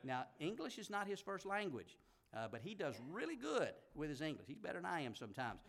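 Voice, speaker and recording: A man's voice: a little high, huge pitch swings, a little fast, creaky, a bit bright. A man introducing a guest preacher to a church congregation in a folksy, self-deprecating way. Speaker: pastor introducing a guest speaker.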